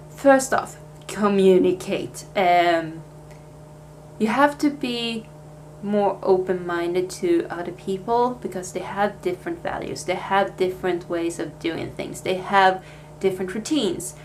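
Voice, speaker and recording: A young woman from Sweden, speaking with a Swedish accent, chats casually in a vlog about what's new in her life, with lots of fillers and restarts. Her voice is medium in pitch, and there's a little hiss or hum in the recording.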